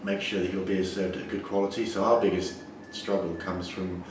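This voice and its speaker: A man in his forties, a brewer, explaining things in a measured way with frequent restarts during an interview in a brewery. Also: sits low, level tone. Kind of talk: interview answers. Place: indoor brewery floor. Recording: echoey, distant, noisy brewery room.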